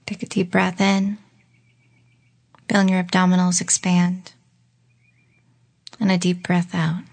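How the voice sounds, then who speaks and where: A woman leading a guided relaxation exercise in a slow, soft voice that often drops into a whisper. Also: fairly low pitch, monotone, vocal fry. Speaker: meditation guide.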